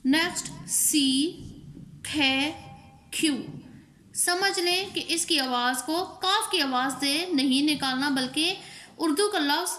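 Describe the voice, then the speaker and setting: A high-pitched woman gives a slow, careful pronunciation lesson, repeating each example word. Her voice is bright and sits in an echoey room. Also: a little hiss or hum. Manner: spells out words and repeats them slowly. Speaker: English pronunciation teacher.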